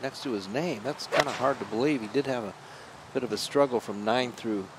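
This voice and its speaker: A man's voice: mid-range voice, brisk. A man commentating on live golf as an analyst, in conversational, technical, clipped phrases. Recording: clear outdoor course noise behind.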